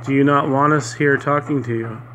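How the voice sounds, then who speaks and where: A man's voice: medium pitch, steady tone, fairly quick. A man casually putting short, polite questions to unseen spirits, as the host of a ghost hunt. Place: hotel room. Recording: noisy amateur recording with static hiss.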